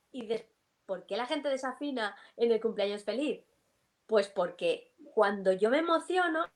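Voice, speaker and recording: A woman vocal coach, explaining breathing and voice in a live video interview, animated and illustrating with sung snippets. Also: medium pitch.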